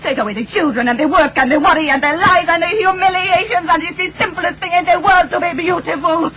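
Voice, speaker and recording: A worn-down wife in a radio play, her high voice bitter and scornful as it wavers near tears. The old broadcast recording has a clear hiss behind her. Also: fast, fairly bright tone, poor audio. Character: weary, bitter Italian-Scots wife and mother. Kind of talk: 1980s radio drama acting.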